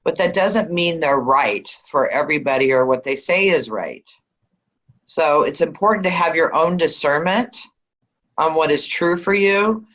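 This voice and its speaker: A woman's voice: deep voice, lively intonation, a little slow, a bit bright, poor audio. A woman hosting a spiritual healing session on a video call, soothing and affectionate, calling callers honey.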